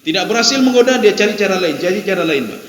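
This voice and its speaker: A man's voice: high voice, animated, racing, fairly bright tone. A man with an Acehnese accent giving a conversational sermon in a mosque. He keeps addressing his listeners directly and repeats phrases for emphasis. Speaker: Islamic preacher. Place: mosque hall. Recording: echoey mosque hall with long reverb.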